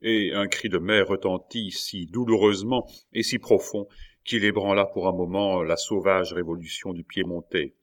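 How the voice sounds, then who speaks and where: A man narrating a literary audiobook in a measured, dramatic storytelling manner. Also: deep voice, fairly even intonation.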